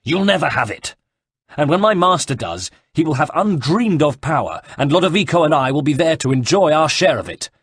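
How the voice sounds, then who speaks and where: A man voicing a furious, vengeful male villain who shouts his threats in a raised, strained voice. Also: mid-range voice, expressive, moderate pace, few pauses, breathy edge, dry recording, studio quality.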